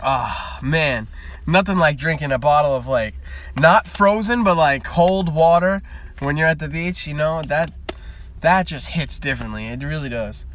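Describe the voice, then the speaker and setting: Young male streamer, casual and rambling, a touch higher than most, talking into a phone in his parked car. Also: measured pace, fairly bright tone. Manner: rambling, chatty, easily sidetracked. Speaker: live streamer. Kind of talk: casual live-stream chat.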